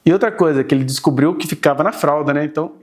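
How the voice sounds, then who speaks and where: A man's voice: a little high, very fast. A man preaching in a conversational, explanatory way to a church group, often checking in with the audience through tag questions. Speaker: preacher teaching a church class. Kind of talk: conversational sermon lecture. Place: church gathering.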